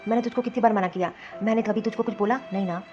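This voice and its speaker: Cartoon husband, a woman voicing him: bossy and reassuring, mid pitch, slightly dull audio. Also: steady tone, racing, a little mellow, soft background music, lightly acted. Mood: soothing. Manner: reassuring then ordering about. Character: young jobless husband, soothing but bossy. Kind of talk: Hindi cartoon voice acting.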